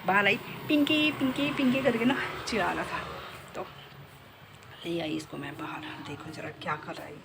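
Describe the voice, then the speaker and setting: A woman's voice: fairly low pitch, steady tone, moderate pace, gravelly. A woman vlogger and beautician chatting playfully to her viewers from home, filmed on a phone. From Jammu. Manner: chatty, playful, talks straight to viewers with many tag questions. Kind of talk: casual chatty home vlog. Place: at home, indoors. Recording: noticeable background noise.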